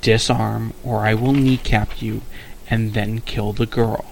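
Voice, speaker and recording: A cool young hero with a gun gives clipped, cold orders in a rough, gravelly voice, as a man reading the story puts him on. He stays level and commanding, without shouting. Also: on the low side, little pitch movement, slow pace, a little hiss or hum.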